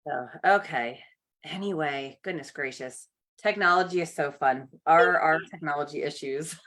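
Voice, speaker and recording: A woman leads a casual live coaching call over a video link. Her voice sits a little low yet sounds bright and clear, and she talks in a chatty, upbeat way. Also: moderate pace. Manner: chatty, upbeat, greets viewers by name.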